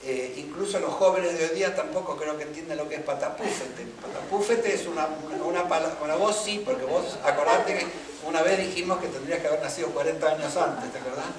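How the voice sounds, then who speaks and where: A man's voice: fairly high pitch, fast, crowd noise. A man from Argentina giving a seminar lecture on music, explaining points and checking that listeners follow. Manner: explanatory, asks listeners for agreement. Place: lecture room. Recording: echoey room, mic far off.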